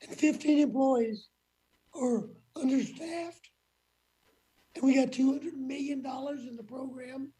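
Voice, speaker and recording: Man, high mellow voice, legislator at a hearing, blunt, folksy, halting short phrases. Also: husky, poor audio. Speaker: legislator questioning witnesses. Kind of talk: formal hearing questioning, folksy.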